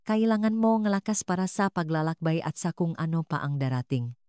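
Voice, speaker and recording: A woman narrator voicing a kind older woman who shelters a runaway girl, speaking in a hushed, soothing way in a storybook tale. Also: low-pitched, animated, fairly quick, clear, resonant tone, dry recording, clean studio sound. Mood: urgent.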